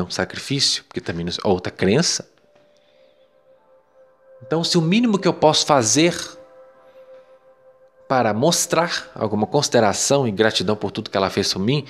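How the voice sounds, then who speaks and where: Brief: Brazilian male course teacher, emphatic and lively, mid-pitched, faint music underneath. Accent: Brazilian Portuguese. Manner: lively, emphatic, mimics parents' voices. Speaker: self-help course teacher. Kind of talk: lecture on beliefs.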